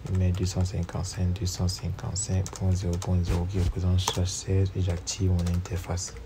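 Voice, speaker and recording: A networking instructor with a cold records a screen tutorial walkthrough, voicing each command and spelling out numbers as he types them in. He speaks at a normal speed in a deep monotone, with background noise behind him.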